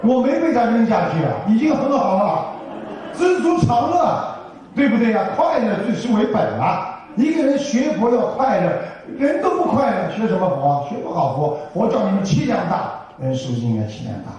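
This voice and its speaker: An older man delivers a Buddhist dharma talk in a folksy, chatty way, often asking his listeners rhetorical questions. His voice sits fairly high but sounds mellow and soft-edged. It is picked up from a distance in a strongly echoing hall. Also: sing-song, normal speed. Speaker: Buddhist teacher. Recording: echoey hall from far off.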